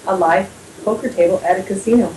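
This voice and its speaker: A woman's voice: medium pitch, fast talker, darkish tone, slight background noise. American woman chatting from a bit off-mic. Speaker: poker show co-host. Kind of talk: casual chat. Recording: echoey room, mic at a distance.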